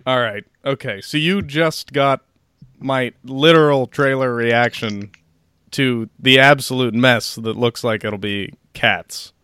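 A man's voice: medium pitch, fairly even intonation, slow pace, pushed and bright, clean tone, no room sound. Male podcast host, loose and joking, dry close-miked sound. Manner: joking, self-deprecating. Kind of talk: casual chat.

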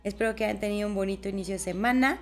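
A woman with a Mexican accent hosting a live stream, greeting viewers warmly and explaining angel messages in a chatty, affectionate way with everyday examples. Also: mid-range voice, rapid-fire, soft background music. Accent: Mexican Spanish. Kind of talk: casual live stream with spiritual guidance.

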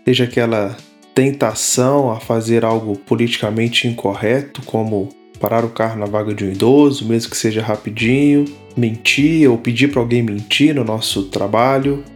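A man teaching a Bible study series, explaining step by step and often pausing to restart. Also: medium pitch, steady tone, soft background music. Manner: explanatory, frequent fillers and restarts.

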